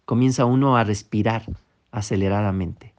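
A man's voice: lowish voice, moderate pace, darkish tone. A man teaching public speaking, earnest and direct, often checking in with the listener. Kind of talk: instructional talk. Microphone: microphone.

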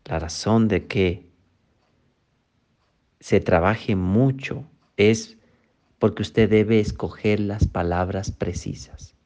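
Guy doing a motivational talk, lowish voice, takes his time, keeps asking questions then answering them himself. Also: takes it slowly, long pauses, a little mellow. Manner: emphatic, asks rhetorical questions and answers them. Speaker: motivational speaker.

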